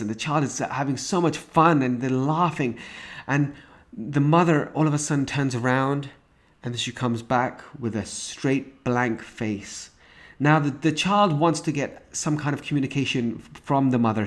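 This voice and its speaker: A man teaching a recorded parenting course, explaining each point step by step with frequent restarts. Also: mid-range voice. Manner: walks through examples and stages step by step.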